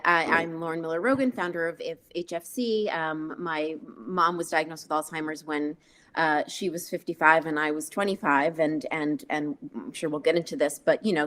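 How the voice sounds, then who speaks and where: Low-voiced, hesitant woman panelist. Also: fairly bright tone. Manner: hesitant, many fillers. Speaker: charity co-founder. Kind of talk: panel self-introduction.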